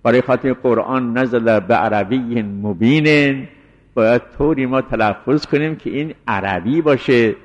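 Male seminary lecturer, mid-pitched, deliberate and repetitive delivery; muffled old recording in a reverberant lecture hall. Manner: deliberate, explanatory, restating points. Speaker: seminary teacher. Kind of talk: scholarly jurisprudence lecture.

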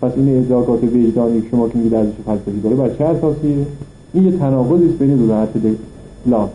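A man's voice: medium pitch, a little hiss or hum. Man lecturing in a roomy lo-fi recording. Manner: reads Arabic passages then explains them in Persian; argues point by point with rhetorical questions. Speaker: philosophy teacher. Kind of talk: classroom lecture reading and explaining an Arabic text.

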